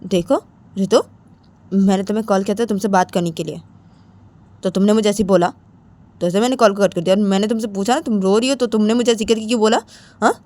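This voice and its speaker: Calm young woman, level and reasoning, a touch defensive, read by a woman. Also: medium pitch, fast, long pauses, natural voice.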